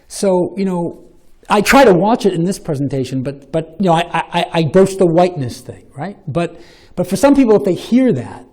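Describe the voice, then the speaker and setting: A man with a Boston accent giving a live public talk and answering audience questions, animated and long-winded, with a self-deprecating streak. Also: a little high. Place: lecture hall with an audience.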